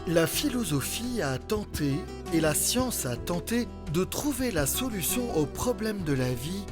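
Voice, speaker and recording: A man's voice: high voice, big pitch swings, unhurried. A man narrating a scripted report, opening with earnest rhetorical questions. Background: guitar music.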